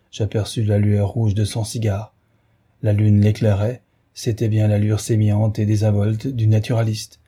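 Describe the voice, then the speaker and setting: A man narrating a novel in the first person, telling the story in a steady, literary way. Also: lowish voice, husky. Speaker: audiobook narrator.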